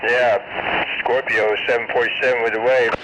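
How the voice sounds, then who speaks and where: A man chatting on CB radio in trucker slang, relaxed and friendly, with radio sign-offs. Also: mid-range voice, moderate pace. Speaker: CB radio operator. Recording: heavy static over a CB radio.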